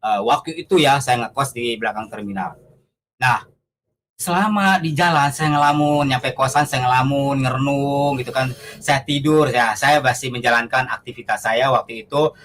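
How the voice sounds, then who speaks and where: A man's voice: medium pitch, normal speed, fairly bright tone, slight background noise. Earnest man telling a personal testimony. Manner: earnest storytelling, acts out quoted voices, frequent fillers. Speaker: guest giving a testimony. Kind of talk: conversational testimony.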